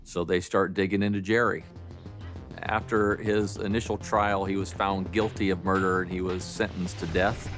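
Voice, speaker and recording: A man speaking as a detective in a documentary interview, recounting case facts in deliberate, official phrasing. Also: low voice, level tone, over music.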